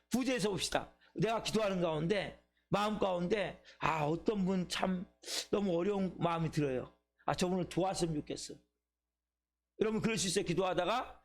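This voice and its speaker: A male pastor preaching a sermon, asking his congregation questions and acting out people's inner thoughts. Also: high voice. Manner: asks the congregation questions, acts out inner voices. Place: church.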